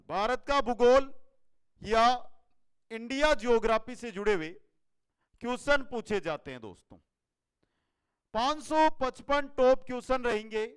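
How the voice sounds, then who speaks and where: A man with a Rajasthani Hindi accent, an online exam-prep teacher running a fast quiz-style lesson, energetic and repeating each answer for his viewers. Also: extremely high pitch, clear, resonant tone.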